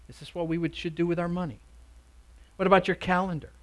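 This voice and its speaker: Man, preacher, sermon, fairly high voice, emphatic, repeats words, loud then soft. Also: little pitch movement, fast. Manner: emphatic, swinging between loud urging and soft asides.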